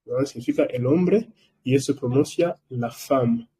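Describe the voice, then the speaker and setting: A man's voice: mid-range voice, moderate pace, dark tone, slightly rough. A man teaching French in an online class, explaining patiently and checking in with frequent questions to his students. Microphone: computer microphone.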